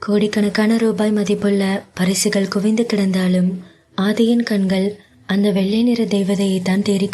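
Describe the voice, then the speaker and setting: A woman reading a romance story aloud in a slow, measured narration. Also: mid-range voice, dark tone. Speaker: audiobook narrator.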